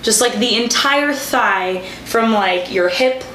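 A woman's voice: fairly high pitch, slow pace, pushed and bright. A woman in her twenties from Kuwait, a microbiologist, chatting casually as an interview guest and laughing easily. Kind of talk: casual conversation. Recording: roomy echo, faint background noise.

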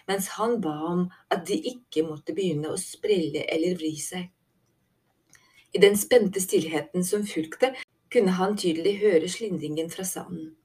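A woman narrates an animal fantasy story in calm, measured storytelling. Her voice is fairly low and warm, with a soft, dark tone. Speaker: audiobook narrator. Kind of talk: scripted narration.

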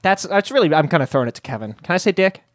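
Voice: medium pitch, racing, no room sound, studio quality. A podcast host leading a casual movie review chat in a giggly, bouncy way. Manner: giggly, bouncy, animated talk.

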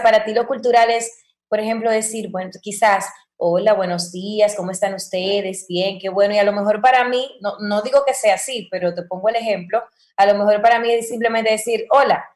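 A woman's voice: a little high, a little mellow, roomy sound. A Dominican woman speaking as a guest voice-over mentor in casual interview talk, acting out example lines in varied voices. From Dominican Republic.

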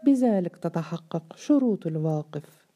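A woman voicing a poor young man who answers his accuser with firm, quiet, brief replies. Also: on the low side, lively intonation, moderate pace, muffled recording. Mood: steadfast. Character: poor young man, stubborn, calm, seeking justice.

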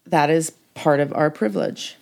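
A woman's voice: deep voice, moderate pace, vocal fry, darkish tone. A woman in a casual podcast chat, speaking candidly and reflectively about her feelings.

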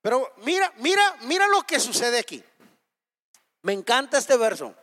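A man's voice: very high voice, sing-song, moderate pace, pushed and bright, long reverb tail. A man preaching a sermon with impassioned, emphatic repetition and rhetorical questions.

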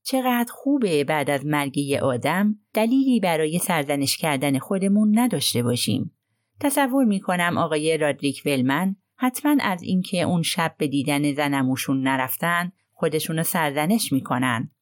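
A woman voicing a courteous, gently probing male detective in an audiobook, speaking politely and sympathetically. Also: deep voice, lively intonation, no echo, clean studio sound.

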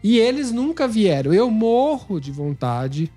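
A young man with a Brazilian accent telling a story in a relaxed, chatty way, with many fillers. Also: sits high, a little slow, faint music behind. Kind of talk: casual storytelling chat.

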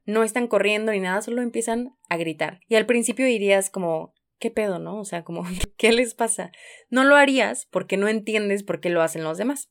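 A woman with a Mexican accent hosting a podcast, talking through her thoughts in a casual, intense monologue full of rhetorical questions. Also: mid-range voice. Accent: Mexican Spanish. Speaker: podcast host.

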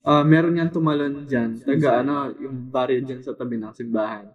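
A man's voice: mid-range voice, moderate pace. Chatty young Filipino man, lo-fi sound. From Philippines. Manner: storytelling, lively, with many fillers. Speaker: podcast co-host. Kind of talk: casual chat. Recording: dull lo-fi echoey sound.

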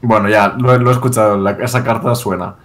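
A man's voice: lowish voice, steady tone, noisy background. A man from Spain co-hosting a casual chat, joking and swearing as he talks. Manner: profane, joking, quick to mock. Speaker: podcast co-host.

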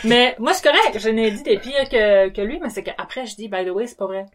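A woman with a Québécois French accent, a nurse and comedian, telling lively anecdotes in a casual interview and slipping in English words. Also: a little high, brisk.

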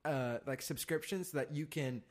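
A man's voice: on the high side, normal speed. Laid-back young man telling a profane story. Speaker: podcast co-host. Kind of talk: casual storytelling chat.

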